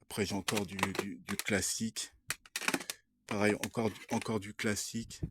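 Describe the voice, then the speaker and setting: A man's voice: on the low side, level tone, normal speed, heavy background noise. Hesitant man rambling through his purchases. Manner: hesitant, many fillers and restarts. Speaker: vlogger. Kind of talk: casual show-and-tell vlog.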